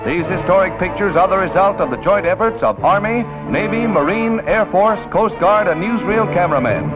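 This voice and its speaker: High-pitched dramatic 1940s newsreel man. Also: lively intonation, normal speed. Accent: American. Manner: dramatic, emphatic announcing. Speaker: newsreel narrator. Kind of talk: 1940s newsreel narration, scripted. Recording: dull lo-fi 1940s newsreel soundtrack. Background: loud music.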